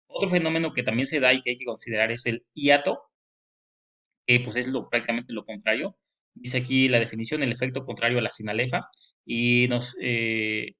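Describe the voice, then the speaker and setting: Man, teacher, lecturing, bright tense voice, dull lo-fi recording. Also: mid-range voice, steady tone, moderate pace. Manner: explanatory, many fillers and restarts.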